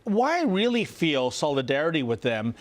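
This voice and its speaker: A man's voice: a little high, big pitch swings, normal speed. A man, a reporter talking through the issue in an indignant, rhetorical way. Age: 50s. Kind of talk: commentary chat.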